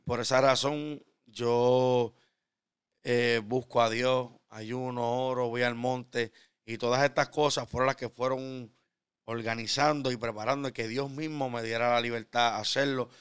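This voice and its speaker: A man's voice: medium pitch, fairly even intonation, measured pace, clean tone, no echo, studio quality. Earnest Puerto Rican man telling his testimony. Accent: Puerto Rican Spanish. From Puerto Rico. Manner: earnest storytelling, drops to a hushed tone for intimate moments. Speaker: preacher guest. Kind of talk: conversational testimony.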